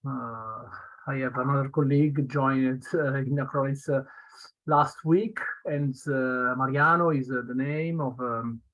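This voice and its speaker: A man from Italy with an Italian accent presents a webinar in halting, broken non-native English, as a solution engineer going through slides. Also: mid-range voice, lo-fi sound. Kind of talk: semi-scripted slide presentation.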